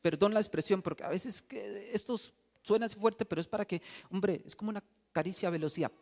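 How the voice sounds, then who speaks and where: Brief: priest, sermon, lively and joking, high voice, long church reverb. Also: male voice, fast, gravelly. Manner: animated, humorous storytelling.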